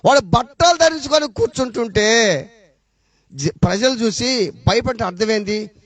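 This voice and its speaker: A middle-aged man with a Rayalaseema accent preaching a testimony sermon, throwing out rhetorical questions and swinging between loud and low. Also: expressive, a little slow, no room sound. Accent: Rayalaseema Telugu. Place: church.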